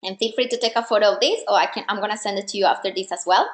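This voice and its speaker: A woman races through her words in an echoey room, her pitch medium. She's a style coach whose native tongue isn't English, running a live online masterclass and addressing women with encouragement and blunt clarity.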